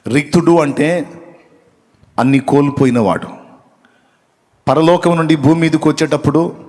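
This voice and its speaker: A man's voice: mid-range voice, darkish tone. A man preaching a sermon who reads out Bible verses, asks the congregation questions and repeats key phrases for emphasis. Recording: long reverb of a hall.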